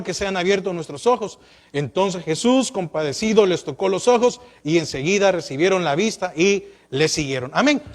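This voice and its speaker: High-voiced Spanish-speaking male pastor preaching. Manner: questioning the congregation, rising and falling emphasis. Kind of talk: sermon.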